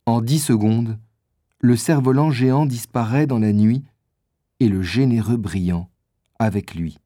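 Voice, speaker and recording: A man narrating a children's adventure story in a measured storytelling manner. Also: mid-range voice, warm tone, dry recording, clean studio sound.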